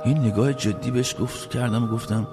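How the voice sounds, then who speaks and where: A man hosting a show, telling a funny personal story in a lively monologue and acting out the dialogue. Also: mid-range voice, music in the background. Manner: animated, acts out quoted dialogue. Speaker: show host.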